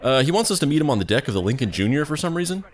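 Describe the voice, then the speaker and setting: A man's voice: medium pitch, big pitch swings, racing. A man playing a sardonic, exasperated adventurer in an audio comedy, with a dry, incredulous way of talking. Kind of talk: scripted audio comedy acting.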